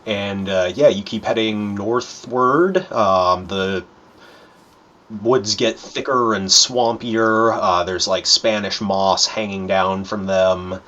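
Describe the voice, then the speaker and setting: A man running a tabletop game, his fairly low voice easygoing and rambling. He fills pauses with ums and likes as he describes the scene. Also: dull audio. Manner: relaxed, rambling, many fillers. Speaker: dungeon master.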